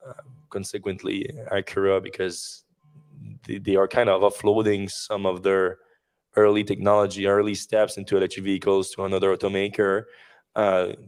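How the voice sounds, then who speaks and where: Hosting a casual news discussion podcast, a man speaks in a low, flat tone even as his voice is giving out. His talk wanders, with lots of fillers and false starts.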